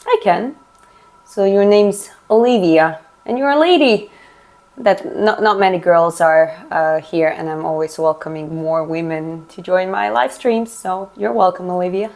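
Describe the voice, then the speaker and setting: A woman from Georgia, whose first language is Russian, chats casually on a live stream, answering viewer comments and explaining what she's doing while she stretches. She often restarts her words, speaking a little slowly in a lowish, darkish voice.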